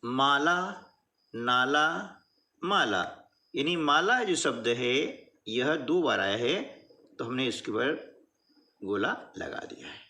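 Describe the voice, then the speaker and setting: A man teaching a workbook lesson in a patient, slow classroom manner, often checking in with the listener. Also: medium pitch, expressive, sharp tone. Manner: patient, repeats "है ना" and "ठीक है" often.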